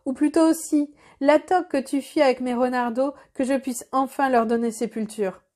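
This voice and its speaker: Brief: grieving but wise vixen, read by a woman, calm and dignified storybook voice, high. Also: moderate pace, natural voice. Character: female fox, grieving mother, wise and dignified.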